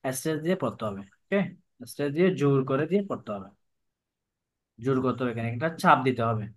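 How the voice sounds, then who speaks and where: A man's voice: medium pitch, expressive, quick pace, low-quality recording. A man teaching English pronunciation, spelling words sound by sound, repeating each word, and asking questions he answers himself. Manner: asks the class questions and answers them himself.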